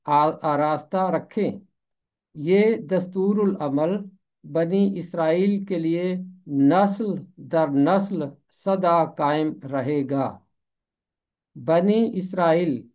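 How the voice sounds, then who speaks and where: A man teaching Urdu pronunciation, repeating each word slowly and carefully and explaining what it means. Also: sits high. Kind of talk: slow deliberate Urdu pronunciation lesson. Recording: dull lo-fi recording.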